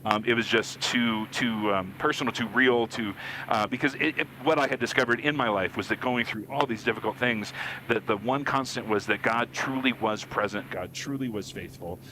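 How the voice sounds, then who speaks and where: Man, middle-aged, bright tone, casual storytelling, cockpit headset, faint engine noise. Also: medium pitch, normal speed, low-quality recording. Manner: warm, self-deprecating storyteller. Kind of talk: casual chat. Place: small airplane cockpit.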